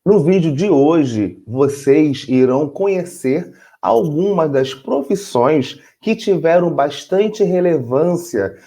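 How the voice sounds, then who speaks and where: A man with a Brazilian Portuguese accent co-hosts a casual chat with his partner, partly reading from a script. His voice is fairly high yet dark in tone, expressive and slow with few pauses, and he's playful, laughing often and calling out "gente".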